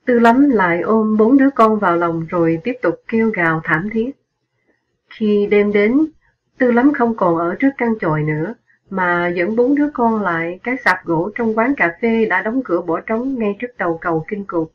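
A woman reads a story aloud in a steady, measured way. Her voice sits at a middle pitch. The recording sounds dull and lo-fi. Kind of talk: scripted story narration.

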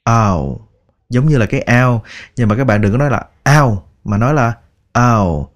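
A man teaching a slow spoken language lesson, patiently repeating example phrases word by word and coaxing his learners along. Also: mid-range voice. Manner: friendly, coaxing address to learners. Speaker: English teacher.

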